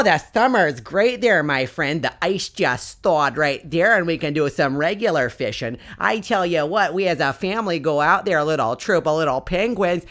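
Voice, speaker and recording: A man's voice: fairly high pitch, a bit bright, lightly acted. A man voicing a chatty Wisconsin housewife who hosts a talk show, rambling folksy and repeating herself. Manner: rambling, folksy, repeats "I tell you what".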